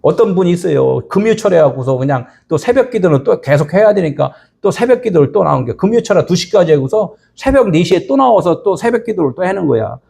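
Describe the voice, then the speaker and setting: Husky, lively Korean pastor preaching. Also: male voice, high-pitched, fairly quick, hardly any pauses. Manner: animated, conversational preaching that acts out quoted people. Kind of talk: sermon.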